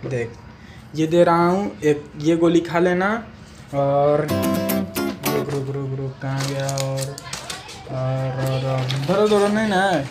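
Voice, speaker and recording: A man's voice: fairly high pitch, slow pace, pauses often, over music. A man acting out a comic sketch as a doctor, teasing his patient with brash, coarse banter. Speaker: comedy sketch actor.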